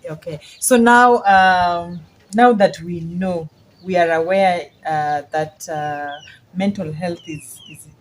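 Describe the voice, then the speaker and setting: A woman's voice: fairly low pitch, slow, slight background noise. A woman with a Kenyan accent hosting a casual video chat, feeling her way through her phrases. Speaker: channel host.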